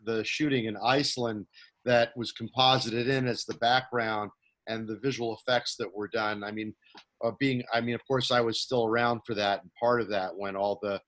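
A man's voice: fairly low pitch, fairly bright tone. A man interviewing a guest, asking long, rambling questions with restarts. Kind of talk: casual interview conversation.

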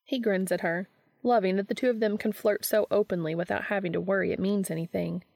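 A woman reading a fan story aloud in a steady storytelling narration. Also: mid-range voice, a little fast, gravelly, no room sound. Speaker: fanfiction reader.

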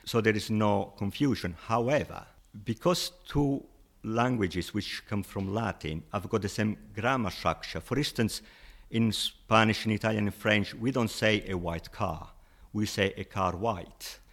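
Low-voiced man patiently explaining languages. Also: measured pace, gravelly, a bit bright. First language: not English. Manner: patient, explains with examples, chuckles often. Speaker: interview guest explaining languages. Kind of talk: casual explanatory chat.

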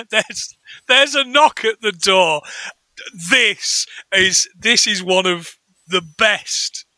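A man's voice: high-pitched, drawn-out words, pushed and bright, no echo. A man co-hosting a podcast in casual chat, laughing often as he retells scenes. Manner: giggly, retells scenes and quotes lines. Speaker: podcast co-host.

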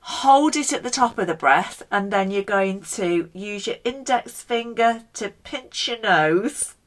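A woman's voice: mid-range voice, lively intonation, unhurried. A woman leads a casual guided breathing lesson, talking the listener through steps in a playful, encouraging way. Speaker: breathing exercise instructor.

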